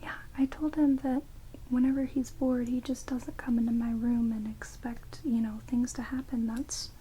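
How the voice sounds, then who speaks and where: A woman roleplays a sardonic, playful immortal vampire caretaker, rude yet teasing, in a soft, breathy ASMR whisper that's dry, casually chatty, gossipy, and bored. Her slightly high voice moves at normal speed, lightly acted, in a rough close-mic binaural recording with steady heavy rain.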